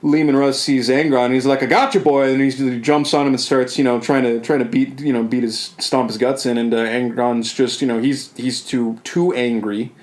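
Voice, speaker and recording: A man's voice: medium pitch, little pitch movement, normal speed, few pauses. Rambling male podcast storyteller. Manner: rambling storyteller who acts out quotes. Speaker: podcast co-host. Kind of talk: casual chat.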